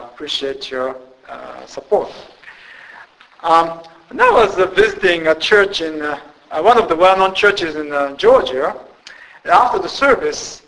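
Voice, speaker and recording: In a church, a Japanese missionary with a Japanese accent delivers a sermon full of halting, self-deprecating jokes. He has a high, sharp-toned voice captured on a rough recording.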